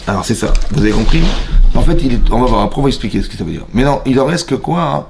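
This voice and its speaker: A man with a French accent, a rabbi giving a lively Torah class in a synagogue. He reads out Hebrew verses, explains them and keeps asking his listeners questions. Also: medium pitch, very fast, vocal fry, noisy background. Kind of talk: animated Torah lesson to a mixed class. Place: synagogue hall.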